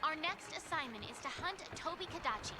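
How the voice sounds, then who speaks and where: A woman's voice: high voice, animated, fairly quick, loud music behind the voice. A woman voicing a cheerful young female guild handler in a game, giving briefings in an instructive manner. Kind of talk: scripted game dialogue. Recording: game audio with loud background noise.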